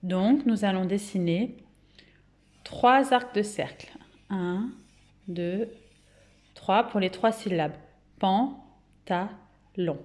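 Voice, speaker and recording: Slow, patient woman teaching young children. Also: medium pitch, darkish tone. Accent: French. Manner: slow, clear, patient, syllables drawn out and repeated. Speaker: kindergarten teacher. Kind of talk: remote phonics lesson for young children.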